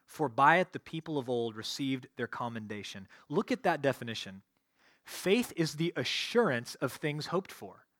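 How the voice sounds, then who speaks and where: A man's voice: medium pitch, animated, moderate pace, a bit bright, no room sound, clean studio sound. A man preaching a sermon as a pastor, reading scripture aloud and explaining it verse by verse.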